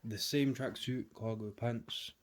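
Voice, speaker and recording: Here a sniffly British vlogger with a cold talks casually to his tripod camera while opening boxes of clothes at home, easygoing and full of slang. He speaks at a medium pitch in a steady tone and at a slow pace, with background noise clearly present.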